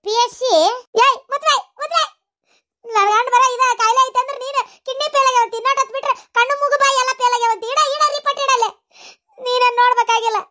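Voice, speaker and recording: Woman doing shrill cartoon village women. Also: normal speed, long pauses, natural voice. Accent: North Karnataka Kannada. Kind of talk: cartoon voice acting.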